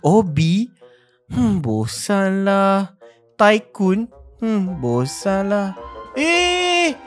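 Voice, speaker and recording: With a high, slightly bright voice and a Malaysian accent, a young man hosts a gaming video, delivering excited, playful roleplay commentary. He's full of exclamations and repeats words for emphasis.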